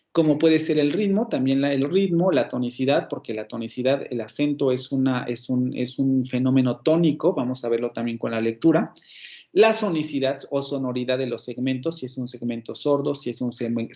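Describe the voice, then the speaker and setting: A man's voice: mid-range voice, mellow. A man giving an online university lecture as a professor, explaining at length, repeating his examples aloud and checking in with the class. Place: indoor room with a window. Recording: dull lo-fi online class audio.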